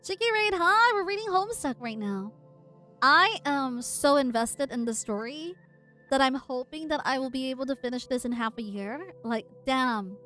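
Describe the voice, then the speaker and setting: High-pitched, bubbly cute woman streamer over music. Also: unhurried, a bit bright. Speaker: livestreamer hosting a weekly read-along. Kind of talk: casual livestream chat and reading aloud.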